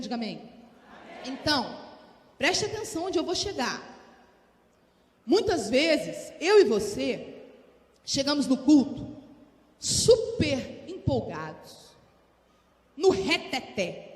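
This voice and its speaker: Woman pastor preaching, big church, long echo ringing after her. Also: sits high. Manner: lively preaching, calls on the crowd to answer. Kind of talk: sermon. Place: large church hall. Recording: echoey church hall with long reverb.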